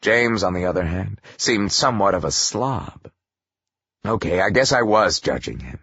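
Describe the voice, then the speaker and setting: Male narrator, husky and lowish, wry and animated first-person reading. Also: moderate pace, dry recording, highs cut off. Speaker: audiobook narrator.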